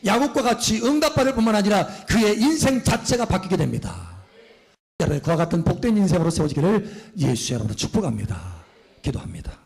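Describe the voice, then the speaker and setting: Male pastor, high-pitched, fervent sermon delivery with call-and-response questions. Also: very animated, a little fast, vocal fry. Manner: fervent preaching, shouts hallelujah, asks the congregation questions.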